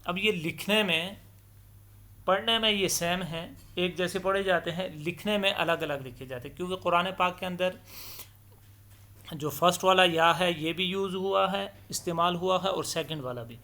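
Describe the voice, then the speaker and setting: Male recitation teacher, slightly high voice, patient explainer who stretches out letter sounds in long, loud demos. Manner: draws out each letter sound slowly and loudly in demonstration; patient explanatory tone, mixes in English terms. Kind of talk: step-by-step letter pronunciation lesson.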